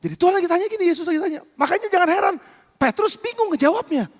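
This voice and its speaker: A male pastor with a very high voice delivers an animated sermon. He shifts between shouts and hushed, acted-out dialogue. A long church-hall reverb trails every phrase. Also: rapid-fire.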